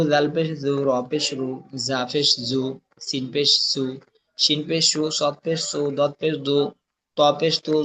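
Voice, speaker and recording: A young man teaching Quranic letter sounds in a recorded lesson, reciting each sound slowly and deliberately, repeating drills and quizzing the class. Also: a little high, a bit bright.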